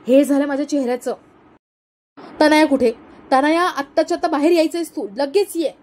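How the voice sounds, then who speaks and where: A woman voicing a domineering, short-tempered middle-aged mother-in-law who barks orders, in a soft, mellow, fairly high voice. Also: fast. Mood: bossy, scolding. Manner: scolding, bossy.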